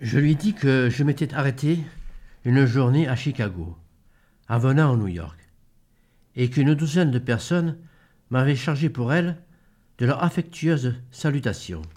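A man's voice: medium pitch, measured pace, pauses often, a little mellow. A man reading a novel aloud in first person, trading passages with a female reader. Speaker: audiobook reader. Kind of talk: read-aloud literary narration.

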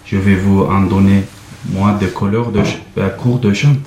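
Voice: low voice, steady tone, normal speed, a little mellow, distant mic. Grumpy farm animals roused before dawn complain in a raised, mock-indignant storybook voice, put on by a man with a Turkish accent. The sound is roomy, with a faint hum of noise behind it. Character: grumpy farm animals woken too early.

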